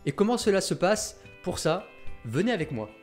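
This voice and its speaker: Speaking straight to his audience with enthusiasm, a male health YouTuber delivers an energetic video monologue at a moderate pace. His voice sits high and swings widely in pitch, with faint music in the background.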